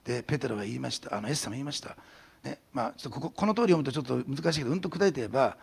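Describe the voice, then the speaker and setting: Male pastor, fast and gravelly, animated sermon delivery with acted-out quotes. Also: medium pitch. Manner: animated storytelling, acting out quotes.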